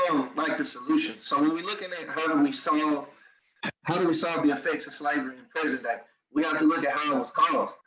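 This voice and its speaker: A man's voice: a little high, roomy sound, dull audio. An American man talking bluntly and earnestly in a casual group discussion. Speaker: group organizer.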